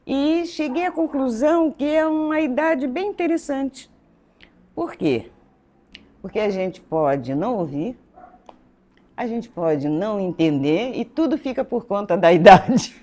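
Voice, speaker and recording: A woman in her seventies from Recife, Pernambuco, Brazil, a French teacher and school director, tells her life story as an interview guest. Her voice is fairly high, warm and lively in intonation, and a little slow. She meanders, corrects herself, and acts out dialogue as she goes.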